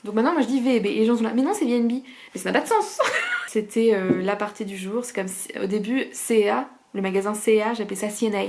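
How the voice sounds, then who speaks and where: A woman's voice: on the high side, lively intonation, fast talker, darkish tone, a little hiss or hum. A woman from Normandy with a Norman French accent, chatting casually to camera and drifting from topic to topic. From Normandy, France. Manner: chatty and digressive, laughs often. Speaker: vlogger.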